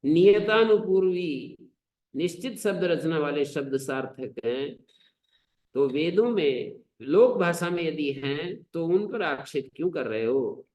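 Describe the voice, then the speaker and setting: An older man with an Indian Hindi accent teaching a scripture lesson, chanting Sanskrit verses, explaining them slowly and asking rhetorical questions. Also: fairly high pitch, lively intonation, darkish tone. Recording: echoey room.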